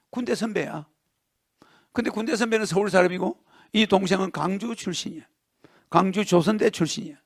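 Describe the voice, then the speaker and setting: An older man with a gravelly, creaky voice and a fairly high pitch for a man. He gives a lecture-style talk, reading a column aloud and stopping often to comment. He keeps throwing emphatic rhetorical questions at his audience.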